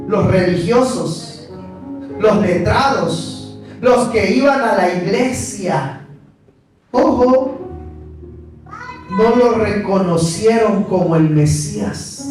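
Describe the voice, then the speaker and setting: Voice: medium pitch, lively intonation, slow, pauses often, over music. A pastor giving an emphatic sermon in a church and often calling the congregation brothers. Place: church sanctuary. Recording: very echoey hall, mic far off.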